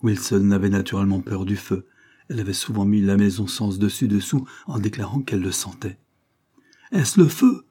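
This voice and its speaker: A man narrates a classic novel for an audiobook, reading in a measured, even manner. His voice sits low and warm, with a faint husky edge. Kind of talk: scripted narration.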